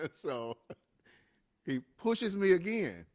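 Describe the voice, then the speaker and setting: A man co-hosting a live show, telling stories in an animated, emphatic, motivational way. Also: on the high side, very slow. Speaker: co-host of a live show and podcast. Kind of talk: motivational casual talk.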